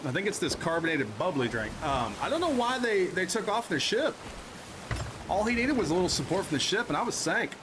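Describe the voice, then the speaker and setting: A man's voice: high voice, big pitch swings, brisk, background noise. A man streaming a game live, talking casually with viewers, rambling and often restarting his sentences, with hiccups. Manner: rambling, self-correcting, chatty with viewers.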